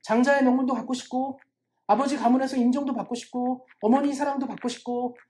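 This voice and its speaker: A woman's voice: sits high, steady tone, fairly quick, darkish tone. A woman pastor preaching a Sunday sermon in a church, asking the congregation rhetorical questions.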